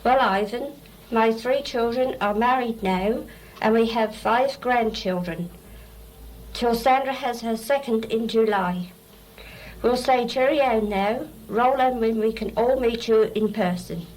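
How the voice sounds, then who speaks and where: A woman's voice: on the high side, measured pace, darkish tone, low-quality recording. An older woman, giving a plain-spoken, heartfelt message to relatives on tape. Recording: amateur tape with faint noise.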